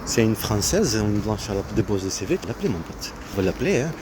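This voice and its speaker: A man talks into his phone outdoors, his voice sitting on the low side. He rambles in an agitated way, breaking off and restarting his sentences. Loud street ambience and passing traffic surround him. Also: big pitch swings, quick pace. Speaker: vlogger seeking an internship. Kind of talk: casual vlog monologue. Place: outdoors in the street, looking for shade.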